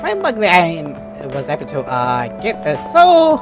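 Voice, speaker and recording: A woman giving casual Let's Play commentary, jokey and sweary as she reacts out loud, with game music behind her. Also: on the low side, wildly swooping pitch, normal speed. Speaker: gaming video host. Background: video game music.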